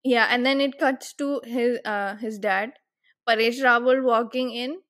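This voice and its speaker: A woman's voice: on the high side, a little slow. A woman with an Indian accent casually retelling a film plot as a podcast host, acting out bits of dialogue and mixing in some Hindi. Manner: animated storytelling, often quoting dialogue in English mixed with Hindi.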